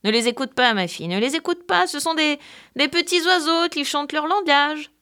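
A woman's voice: high voice, normal speed, pushed and bright, pitched above the performer's own voice. A woman voicing an ugly, wicked man who pretends to be a sick grandmother, speaking in a plaintive, wheedling way. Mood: plaintive, coaxing.

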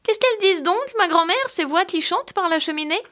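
A woman's voice: lively intonation, fairly quick, fairly bright tone. A woman doing a timid little peasant girl, Jeannette. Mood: innocent, questioning. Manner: high childlike questioning voice.

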